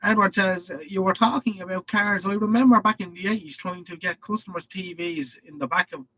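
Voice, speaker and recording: An Irish man with a head cold hosts a casual live stream, rambling as he reads viewer comments aloud. His high-pitched voice is fairly quick, pushed and bright, and the audio quality is poor.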